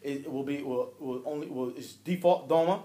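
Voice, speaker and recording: A man's voice: medium pitch, normal speed, warm tone, roomy sound. A man taking part as a student in a grammar class, eager, asking questions and joking around. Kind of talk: classroom discussion.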